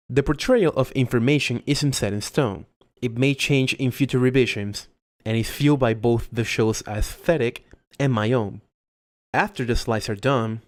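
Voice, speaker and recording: A video creator reads his own scripted voiceover in a measured, formal manner. His voice sits in the mid range, and he's close to a USB condenser mic at home.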